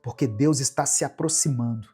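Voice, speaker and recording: A Brazilian man, a pastor, giving a gentle, earnest devotional prayer and sermon. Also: medium pitch, moderate pace, husky, faint music behind.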